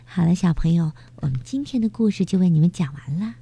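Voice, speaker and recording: A woman narrating a children's story gently and expressively. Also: lowish voice, animated, fast talker, vocal fry.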